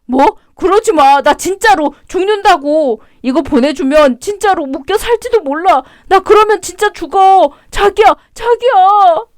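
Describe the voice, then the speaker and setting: A woman's voice: high-pitched, animated, moderate pace, few pauses, dry recording, studio quality. A woman voicing a cheating middle-aged husband who whines and begs desperately. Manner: pleading, whiny.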